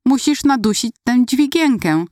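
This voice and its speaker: A woman's voice: on the high side, animated, a little slow, darkish tone, dry recording, clean studio sound, pitched above the performer's own voice. A woman doing a worried mother calling up. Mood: urgent. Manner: calling out, instructing.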